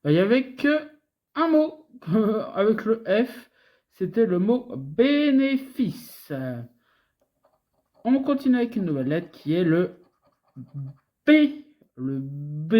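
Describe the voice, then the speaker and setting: A woman's voice: lowish voice, muffled recording. A woman with a French accent from France, hosting a scratch-card video and chatting casually to her viewers as she goes. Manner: chatty, talks to viewers, repeats letters in sing-song runs. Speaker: host scratching lottery tickets. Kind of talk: casual play-by-play commentary.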